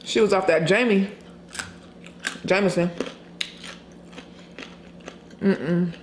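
A woman vlogger chatting candidly while eating on camera, pausing to chew and hum over her food. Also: mid-range voice. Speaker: mukbang vlogger. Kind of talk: casual mukbang chat while eating. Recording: echoey room, faint background noise.

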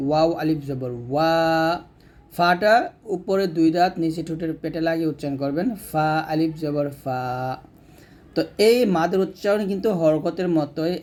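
A man teaching Quran reading step by step, stretching out letter sounds in slow drills. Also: a little high, darkish tone. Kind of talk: step-by-step recitation lesson.

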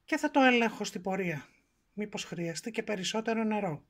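Greek woman explaining a home recipe. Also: mid-range voice. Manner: calm step-by-step explaining. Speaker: cooking show host. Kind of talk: home cooking demonstration. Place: home kitchen.

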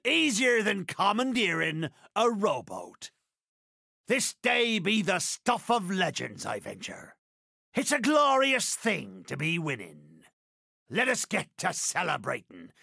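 An actor playing a boastful, vengeful pirate captain in a video game, with a raspy voice, archaic pirate dialect and theatrical, drawn-out delivery. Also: male voice, sits high, huge pitch swings, sharp tone, no echo, studio quality, full character voice. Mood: gloating. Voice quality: gravelly, raspy. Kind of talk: video game character voice acting.

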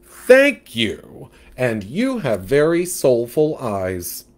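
A man's voice: medium pitch, huge pitch swings, drawn-out words, pitched above the performer's own voice, exaggerated voice. A man doing a sassy flamboyant catfish. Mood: sassy advising. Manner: dramatic, sassy, emphatic. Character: sassy gossipy male catfish, flamboyant mentor.

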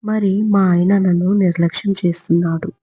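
A woman's voice: on the low side, fairly even intonation, fairly quick, dark tone, slightly rough, low-quality recording. A woman doing a cheeky young wife. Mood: sassy. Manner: sassy, mixes English words.

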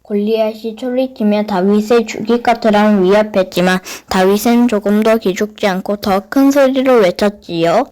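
A woman's voice: mid-range voice, moderate pace, hardly any pauses, a little mellow. A woman narrating a scripted Bible story for children.

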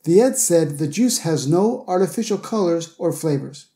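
A man narrating a scripted English pronunciation lesson as a teacher, sounding out example words slowly and carefully. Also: on the high side, lively intonation, dark tone.

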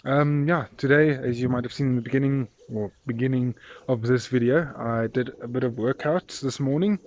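A man's voice: mid-range voice, normal speed, a little mellow, a little hiss or hum. A young man in his twenties with a South African accent, chatting casually and rambling with many fillers in an outdoor daily vlog filmed on a phone held at arm's length. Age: 20s. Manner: rambling, filler-heavy and friendly. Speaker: vlogger. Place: outdoors in a residential yard. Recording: slightly dull phone recording.

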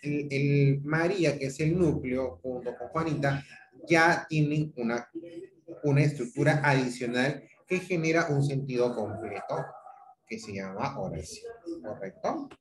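A man's voice: medium pitch, animated, measured pace, crowd noise. A man with a Peruvian Spanish accent teaching a grammar class over a video call, explaining step by step and checking in with his students often. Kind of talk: online grammar lecture. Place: home room on a video call. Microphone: computer mic on a video call. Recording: echoey room.

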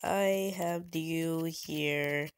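A woman's voice: low voice, fairly even intonation, extremely slow, dry recording, clean studio sound. A young woman with a stuffy, nasal voice, chatting casually and laughing as she plays a game. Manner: chatty, laughing, reads game text aloud. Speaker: let's play gamer.

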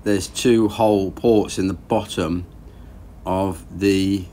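Deep-voiced and slow, a boat engine rebuild vlogger in his thirties chats casually about the job in his garage. He thinks aloud in a relaxed, straightforward way, and a faint hiss or hum can be heard.

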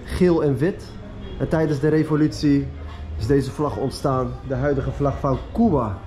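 A young man excitedly narrating a walking tour of a street to his viewers, filmed on a handheld action camera outdoors. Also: mid-range voice, unhurried. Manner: enthusiastic, chatty, addresses viewers directly. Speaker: vlogger, tour guide. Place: outdoor narrow city street with murals, walking.

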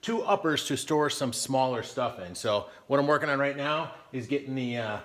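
A man's voice: medium pitch, animated, moderate pace, a bit bright. A man in his thirties filming himself on a handheld camera in a big metal barn, chatting casually and joking about his own skills as he builds things, hot and sweaty. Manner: chatty, self-deprecating, working while talking. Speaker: homestead vlogger. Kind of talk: casual DIY vlog. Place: large metal barn, indoors. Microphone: camera at arm's length.

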